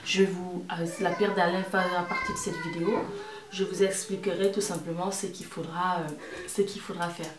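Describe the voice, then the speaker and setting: Speaking at normal speed in a level tone, a woman with a fairly low voice reviews a product casually for her beauty vlog, repeating words and phrases to stress them. The mic is distant, with a roomy echo and faint noise.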